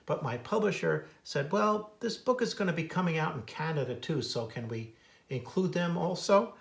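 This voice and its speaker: An American man, the author and a naturalist, reads his children's book aloud and adds informal asides about wildlife. His fairly high, animated voice has some vocal fry and a moderate pace, and he imitates bird calls in a singsong.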